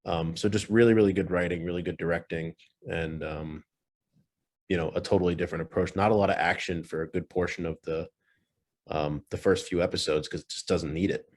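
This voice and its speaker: A man with a low voice talks through a podcast episode in loose, easy conversation. He rambles and restarts his sentences as he works out what he wants to say. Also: fairly even intonation, a little fast, a little mellow. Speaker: podcast co-host. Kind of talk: casual chat.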